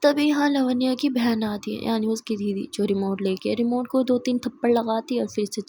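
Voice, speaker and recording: A woman narrates an audio love story in a steady, plain manner. Her voice sits fairly high and has a breathy edge. She sounds like a regular storyteller reading to her audience. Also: moderate pace.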